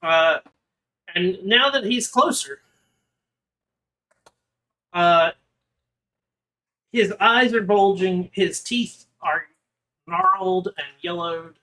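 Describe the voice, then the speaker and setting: High, bright-voiced man running a game. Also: poor audio. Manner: halting, describes with many fillers. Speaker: game master. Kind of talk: narrating a tabletop game.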